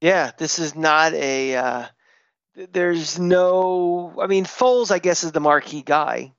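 A man co-hosting a casual sports podcast, blunt and opinionated, talking in quick bursts. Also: on the high side, clear, resonant tone, no echo, lo-fi sound. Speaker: podcast co-host.

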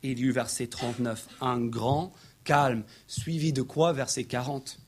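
A man preaching a sermon, reading verses aloud and building to excited, emphatic peaks. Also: mid-range voice, a little slow, husky. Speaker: pastor.

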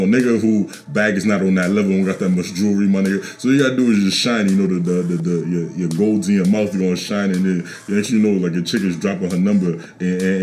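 A man's voice: lowish voice, a little mellow. A man co-hosting a podcast, chatting casually with loose, profane, joking storytelling and lots of slang over music. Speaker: podcast co-host. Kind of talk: casual chat. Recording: music bed underneath.

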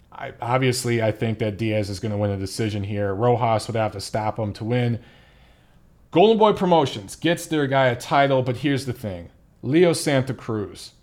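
A man's voice: medium pitch, darkish tone. A man hosting a boxing podcast, giving blunt, profane, exasperated commentary in a casual talking style.

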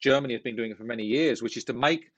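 A man's voice: mid-range voice, rapid-fire, dry recording. Earnest British-born man, dry sound. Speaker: guest. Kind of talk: business interview.

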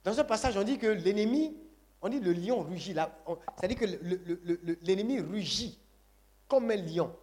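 A man's voice: high-pitched, lively intonation, normal speed, a little mellow. A man preaching a sermon to a congregation, emphatic and repetitive, calling on the audience to say amen. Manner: call-and-response, asks congregation to say Amen; emphatic, repeats phrases.

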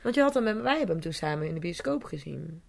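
A woman's voice: on the low side, very animated, fast, gravelly. A woman, co-hosting a film podcast in giggly, teasing chat. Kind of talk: casual chat.

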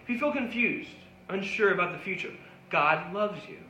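Earnest high-voiced preacher in an echoey room. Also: male voice, moderate pace, bright, forceful tone. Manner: earnest, pleading, repetitive calls. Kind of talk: sermon. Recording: echoey room with faint ambience.

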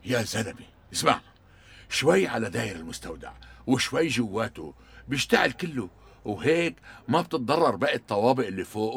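A gravelly, insistent plotter. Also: male voice, medium pitch, exaggerated voice. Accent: Levantine Arabic. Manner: insistent, commanding. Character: determined man plotting to burn a warehouse.

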